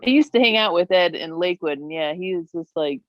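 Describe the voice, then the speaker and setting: A podcast co-host chatting casually, easygoing and repeating himself. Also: male voice, high voice, expressive, quick pace, no echo. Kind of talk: casual chat.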